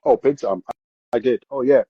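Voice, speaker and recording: Husky South African man telling stories. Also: mid-range voice, a little fast, dry recording, dull audio. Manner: animated storyteller, many repeated words and restarts. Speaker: podcast guest. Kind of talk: casual interview chat.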